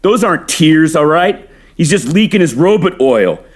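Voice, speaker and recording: A man's voice: fairly high pitch, lively intonation, moderate pace. A man playing a sheepish surfer best friend who talks hesitantly and over-earnestly.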